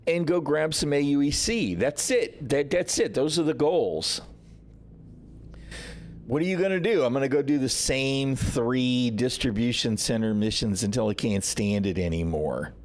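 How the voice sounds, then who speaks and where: A man talks straight to his livestream audience in a loose, unscripted rant. He is sarcastic and exasperated and swears freely. His voice sits at an ordinary middle pitch. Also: expressive, unhurried. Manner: frustrated, sarcastic, swears often. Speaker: livestream host. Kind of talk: casual gaming livestream rant.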